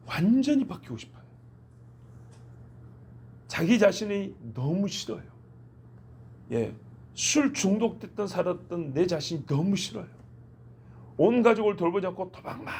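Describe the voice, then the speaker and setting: A man's voice: sits high, creaky, a little mellow, slight background noise. A male pastor preaching an early-morning sermon, acting out short quoted exchanges between people as he explains. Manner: acts out little quoted exchanges in shifting voices. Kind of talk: dawn prayer sermon.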